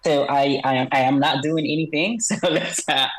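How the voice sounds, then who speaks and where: A man speaking through an electronic voice disguise as a guest author in a video-call interview, measured and hesitant with frequent fillers. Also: a little high, steady tone, low-quality recording. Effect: voice electronically altered to disguise identity. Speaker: guest author, former special operations soldier.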